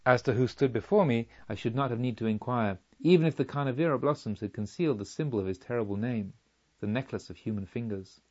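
A man's voice: medium pitch, a little mellow, muffled recording. Man reading an audiobook somberly. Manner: measured, somber storytelling. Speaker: audiobook reader. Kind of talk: audiobook narration.

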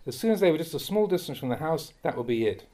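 A man, a monk, reading a Dhamma talk aloud in a measured, admonishing way that rises sharply when he scolds. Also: fairly high pitch, very animated, dark tone. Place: monastery.

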